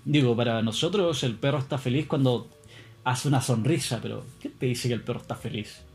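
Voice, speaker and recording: A man's voice: mid-range voice, a little fast, darkish tone, soft background music. A man in a casual monologue, rambling and musing with plenty of swearing.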